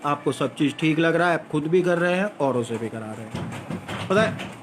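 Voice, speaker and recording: A man's voice: on the high side, expressive, moderate pace, background noise. A man delivering a lecturing monologue to viewers, asking rhetorical questions and repeating his points for emphasis. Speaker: vlogger addressing viewers. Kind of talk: argumentative spoken monologue.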